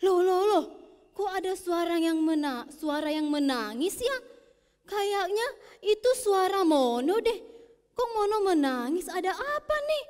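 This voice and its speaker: A woman voicing a mother who questions her sons and gently scolds them. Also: very high-pitched, lively intonation, a little slow, in a large hall, pitched above the performer's own voice. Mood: concerned. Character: concerned, firm mother.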